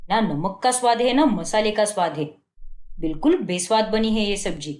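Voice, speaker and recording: A woman's voice: medium pitch, moderate pace, a little mellow, close to an everyday voice. Woman doing a nagging cartoon husband, always scolding, roomy echo on it. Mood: scornful. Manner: scolding, contemptuous complaints. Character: fault-finding young husband, harsh and demanding. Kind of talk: Hindi cartoon dubbing.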